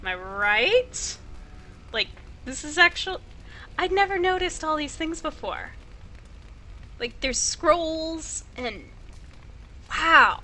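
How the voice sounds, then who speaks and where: Girl doing a lets play, higher bright voice, casual playful chatter. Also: lively intonation, slow pace, long pauses. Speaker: let's player. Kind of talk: casual game commentary, reading dialogue choices aloud.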